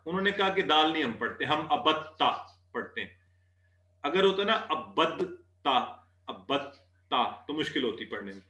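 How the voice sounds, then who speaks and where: A man teaching an Arabic class, patiently repeating words slowly for students to drill. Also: fairly high pitch, sharp tone, roomy sound. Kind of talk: online class lesson.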